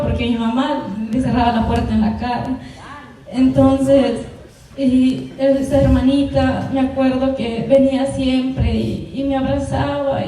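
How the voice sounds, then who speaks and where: A woman's voice: high-pitched, mellow. A young woman from Peru telling her personal testimony in church, emotional and repetitive, acting out what each person said. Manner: emotional, repetitive storytelling with quoted dialogue. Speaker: church member giving testimony. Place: church hall. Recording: distant, very echoey church hall.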